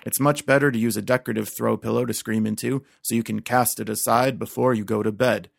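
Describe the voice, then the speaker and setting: A man hosting a scripted comedy podcast, delivering a mock-informative monologue in a deadpan manner. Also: mid-range voice, fairly quick, gravelly, dry recording, studio quality. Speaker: podcast host.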